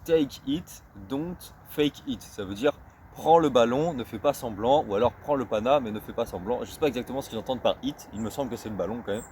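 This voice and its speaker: A man talks through a topic in an easy vlog manner, pausing often and repeating words as he looks for the right phrasing. His voice sits at an ordinary middle pitch, and he handles English phrases with slow, self-conscious care. A faint noise hums behind him. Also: warm tone. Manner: hesitant and searching for words, often repeating himself. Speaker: street football vlogger. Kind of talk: casual explanatory vlog.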